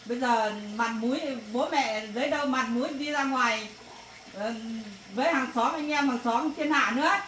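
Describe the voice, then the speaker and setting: A woman with a high voice, speaking at normal speed, acts as an angry rural mother scolding her daughter in a family drama. Her scolding breaks into shouting bursts. The recording is echoey and distant, with faint noise.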